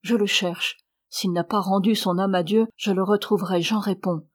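A woman's voice: mid-range voice, steady tone, normal speed, breathy edge, natural voice. Brief: fervent young noble daughter, earnest and pleading, read by a woman, audiobook.

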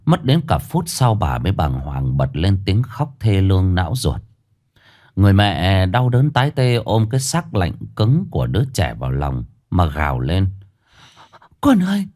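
Lively low-voiced male storyteller. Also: moderate pace. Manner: grave, dramatic storytelling. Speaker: horror story narrator. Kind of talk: scripted horror narration. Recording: faint music behind.

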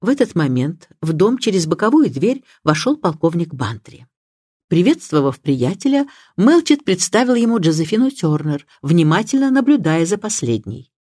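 A woman narrating a classic detective novel audiobook in a measured, expressive reading. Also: lowish voice, slightly rough, dry recording, studio quality. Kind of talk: scripted narration.

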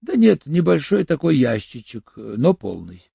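Man voicing a weary cynical male officer, offhand, slightly mocking, husky, dry dull recording. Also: fairly high pitch, big pitch swings, a little slow, dark tone, no echo, exaggerated voice.

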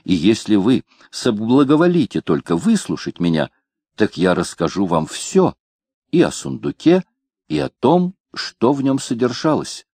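Man voicing a frightened peddler, wheedling and shrill, wild swings in pitch. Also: very animated, a little slow, vocal fry, a little mellow, slightly rough, no echo, full character voice. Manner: whining and pleading, rising to shrill. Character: fawning, cunning male peddler, frightened.

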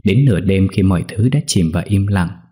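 A man narrating a ghost story in an expressive storytelling way. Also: low-pitched, a little fast, slightly rough.

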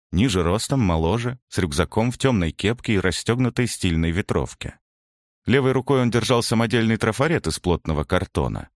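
A man's voice: lowish voice, no echo, clean studio sound. A man giving a grim first-person narration of a gritty story. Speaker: audiobook narrator.

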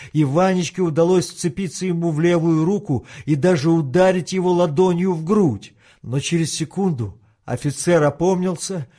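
A man reading a tense novel aloud as an audiobook narrator, with steady, dramatic storytelling. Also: fairly high pitch. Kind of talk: scripted narration.

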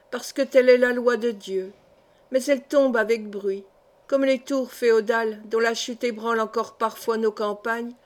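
A woman reading a historical novel aloud in a measured, solemn narration. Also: on the high side. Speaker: audiobook reader. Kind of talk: scripted narration.

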